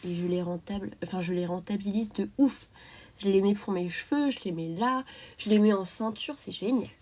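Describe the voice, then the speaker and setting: A woman's voice: mid-range voice, moderate pace, darkish tone. A young woman hosting a casual live stream from home, talking through a stuffy nose and sniffling from a cold, chatty and greeting viewers by name. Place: at home while colouring.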